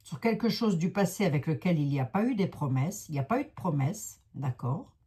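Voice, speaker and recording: In a low, warm, husky voice, this woman sounds animated and talks fairly quickly. A psychic card reader with a Lorraine French accent, she reads tarot on a casual livestream, chatting with her viewers and making fun of herself.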